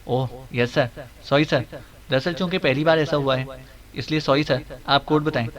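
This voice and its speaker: A man's voice: medium pitch, steady tone, a bit bright, close to an everyday voice. A man voicing an eager, apologetic male assistant answering a phone call, recorded on a distant mic. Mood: dutiful. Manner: apologetic, dutiful.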